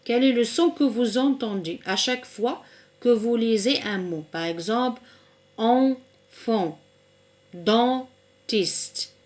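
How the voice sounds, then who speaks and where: A woman teaching a recorded reading lesson for children, saying each word slowly, splitting it into syllables and repeating it patiently. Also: on the high side. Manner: slow and deliberate, splitting words into syllables.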